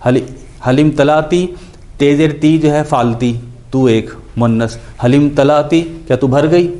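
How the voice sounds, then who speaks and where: In this Urdu lecture on Quranic grammar, a man with a rather high, dark-toned voice goes through the Arabic word by word. He keeps raising questions and then answering them himself.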